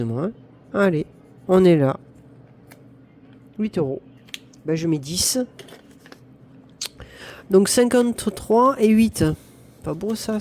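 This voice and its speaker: Chatty woman in her fifties, mellow voice. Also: lowish voice, slight background noise. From northern France. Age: 50s. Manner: chatty, talks to herself and viewers, counts aloud, self-mocking. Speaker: budget vlogger. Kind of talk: casual talk to camera while doing budget envelopes.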